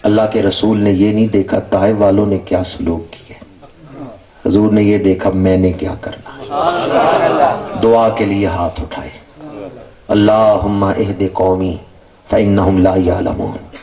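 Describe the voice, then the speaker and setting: A man's voice: fairly low pitch, steady tone, long pauses, mellow, recorded from a distance. A man preaching a sermon at a religious gathering, emphatic, with rising questions to the listeners.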